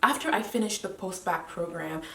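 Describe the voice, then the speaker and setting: A woman's voice: on the low side, creaky, far from the mic, slight background noise. Earnest young woman in a roomy space. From Cameroon. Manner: measured and earnest, with deliberate pauses. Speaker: medical student. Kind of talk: motivational personal speech. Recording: roomy echo, voice away from the mic.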